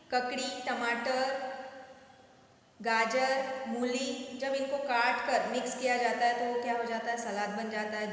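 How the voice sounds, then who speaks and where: A woman teacher speaks slowly and patiently to young children, breaking each word into its syllables. Her voice is high and bright. It rings out with heavy echo and a long reverb tail, as if in a big bare room. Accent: Hindi-speaking India. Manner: sounds out words syllable by syllable, asks the class to repeat. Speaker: primary school teacher. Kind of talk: slow, patient phonics lesson for young children.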